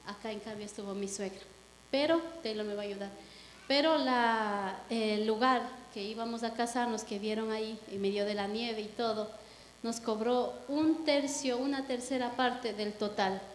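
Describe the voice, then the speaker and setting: Woman telling her story to a congregation, lively storytelling, roomy church echo. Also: fairly high pitch, normal speed, slight background noise. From Ecuador. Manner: lively storytelling with acted quotes. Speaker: church member giving testimony. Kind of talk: testimony to a congregation. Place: church hall. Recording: echoey hall with long reverb.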